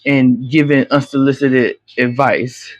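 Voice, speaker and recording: Slow-talking man doing a frank, rambling tarot reading. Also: mid-range voice, little pitch movement, dry recording, faint music behind. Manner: rambling, frank and profane, many fillers and restarts. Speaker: tarot reader. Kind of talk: casual spoken tarot reading. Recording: slightly muffled lo-fi.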